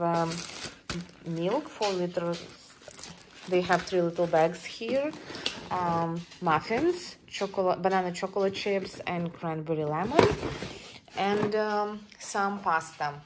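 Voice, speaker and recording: A woman speaking English as a second language, walking through her groceries at a slow, easy pace with lots of ums. Her voice sits a little low, and the phone recording carries clear background noise and handling clicks. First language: not English. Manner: listing items slowly with many ums, second-language grammar. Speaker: vlogger. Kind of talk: casual grocery haul show-and-tell. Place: home kitchen, indoors.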